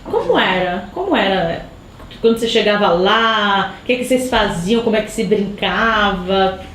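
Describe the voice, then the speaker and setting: A woman's voice: medium pitch, expressive, moderate pace, fairly bright tone. A woman interviewer asking short, prompting questions in an oral history interview. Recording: echoey room, faint noise.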